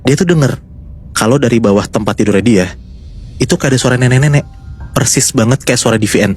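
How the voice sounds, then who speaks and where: A man's voice: mid-range voice, fast, slightly rough, faint music behind. A man casually telling a horror story to his co-hosts, chatty and building suspense. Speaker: storyteller host.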